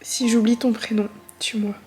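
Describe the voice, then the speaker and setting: A woman's voice: a little high, level tone, normal speed, dark tone, husky. A woman reading aloud in the voice of an elderly grandmother who looks back on her life with grief and tenderness. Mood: tender.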